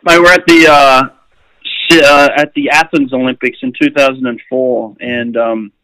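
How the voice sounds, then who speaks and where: A middle-aged Australian man tells stories from his swimming days in a casual, animated way, often restarting his sentences. His voice sits in a middle register, and the sound is dry and close with no room echo. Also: medium pitch, moderate pace, clear, resonant tone. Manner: animated anecdotes with frequent restarts and "uh"s. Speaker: swimming coach and former swimmer. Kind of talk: casual storytelling.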